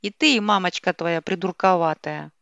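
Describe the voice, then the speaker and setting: A woman's voice: fairly low pitch, normal speed, vocal fry, fairly bright tone, dry recording. A woman playing a spiteful screaming young mother. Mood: furious. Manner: screaming insults. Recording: dull dry lo-fi recording.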